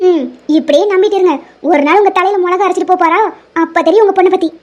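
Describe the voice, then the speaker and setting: This is a bossy, suspicious cartoon mother, voiced by a woman who scolds everyone in a sharp tone. The voice sits very high, and the words come out fast. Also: highs cut off. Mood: scolding. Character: strict, scolding middle-aged rich mother. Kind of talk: Tamil cartoon dub.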